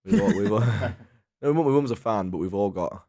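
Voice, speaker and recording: A man's voice: lowish voice, expressive, moderate pace, mellow. A man, co-hosting a casual podcast and telling self-mocking stories. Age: early 20s. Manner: self-mocking, laughs through his stories. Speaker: podcast co-host. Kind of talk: casual chat.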